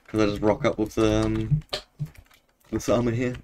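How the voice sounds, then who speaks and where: A man's voice: lowish voice, flat delivery, measured pace, a little mellow, slight background noise. A young man with a broad New Zealand accent, chatting casually and slangily in a laid-back way while streaming a game. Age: young adult. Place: small indoor room at home.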